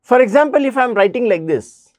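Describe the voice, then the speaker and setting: A male math teacher talks fast as he explains a lesson, repeating each point and addressing his students directly with an animated pitch that swings up and down. The recording is dry and close, with no room sound.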